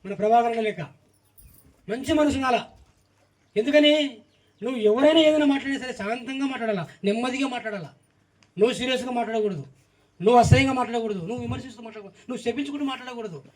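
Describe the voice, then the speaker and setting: A man's voice: extremely high pitch, rapid-fire, a little mellow, recorded from a distance. A man preaching a sermon, emphatic, reeling off repeated lists and firing questions at the congregation.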